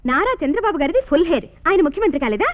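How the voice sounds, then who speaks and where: A quick-tempered young wife, very high-pitched and talking fast with lively swings. The old film sound is muffled, with music behind her. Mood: indignant. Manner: scolding, rapid, dramatic.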